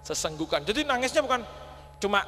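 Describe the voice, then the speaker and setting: High-voiced preacher in an echoing mosque. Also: male voice, big pitch swings, fast. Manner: folksy, addresses audience as Pak, mixes Javanese words. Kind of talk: sermon. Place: large mosque. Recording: long hall reverb, faint hum.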